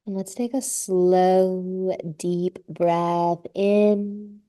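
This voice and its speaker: A woman teaching a live yoga class, giving slow, soothing cues and drawn-out breath prompts. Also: lowish voice, flat delivery, mellow, clear, resonant tone. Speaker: yoga instructor. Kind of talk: guided yoga class instruction.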